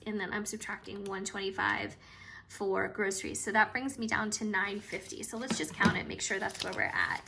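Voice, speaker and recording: A woman vlogger talking casually through her cash budget, a bit hoarse and chatty, with frequent hesitations. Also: medium pitch, bright, forceful tone, slight background noise. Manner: chatty and hesitant, with frequent ums and trailing asides.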